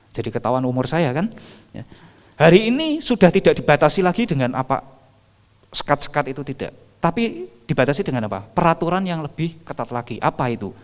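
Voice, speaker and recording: A man, preaching a sermon and quizzing the congregation with rhetorical questions. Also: medium pitch. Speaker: pastor. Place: church sanctuary. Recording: reverberant church hall.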